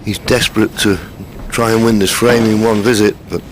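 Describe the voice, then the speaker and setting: A man giving hushed, measured live snooker commentary in short phrases. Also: fairly low pitch, steady tone. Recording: crowd ambience and faint noise. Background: snooker arena audience.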